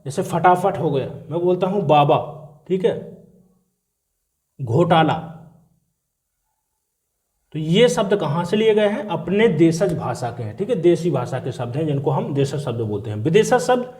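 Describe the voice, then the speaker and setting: A man leads an exam-prep grammar lesson with a high voice. He explains step by step, asking questions and answering them himself, and keeps checking in with the class. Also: sing-song, normal speed, pauses often, a little mellow. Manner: explains step by step, asks and answers his own questions, repeats "ठीक है". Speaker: teacher.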